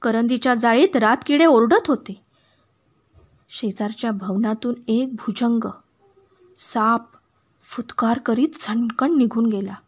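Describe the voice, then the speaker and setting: Woman, high voice, storybook reader, dramatic, hushed whispers. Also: takes it slowly, pauses often, breathy edge. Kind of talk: expressive storytelling narration for children.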